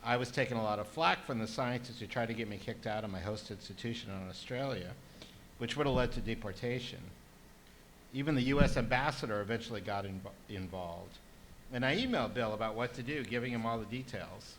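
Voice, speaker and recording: A man gives a tribute at a memorial event in a measured, even voice of middle pitch. He tells his story steadily, with faint room noise behind him. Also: poor audio. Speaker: former student giving a memorial tribute. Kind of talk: read-out speech at a memorial event.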